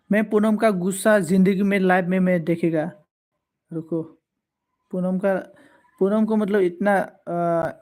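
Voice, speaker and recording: A man's voice: sits high, darkish tone. A man hosting a casual live stream, greeting viewers by name and teasing them as he answers their comments.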